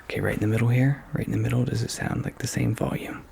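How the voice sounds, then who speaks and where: Hushed, very gravelly man rambling in ASMR. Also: mid-range voice, fairly even intonation, quick pace. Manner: informal, rambling, thinking aloud. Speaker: ASMR video creator. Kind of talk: ASMR rambling, casual chat in hushed, often whispered voice. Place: small home studio bedroom with acoustic panels. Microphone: stereo XLR microphone, close up. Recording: clear background noise, clicks.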